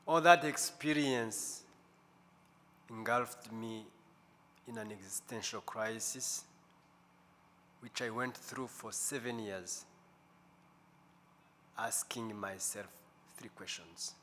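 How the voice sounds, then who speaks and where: A man in his fifties giving a deliberate, slow testimony talk as guest speaker at a church service, pausing often. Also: lowish voice, fairly bright tone. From Rwanda. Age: 50s. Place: large church sanctuary. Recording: echoey church hall, faint room noise.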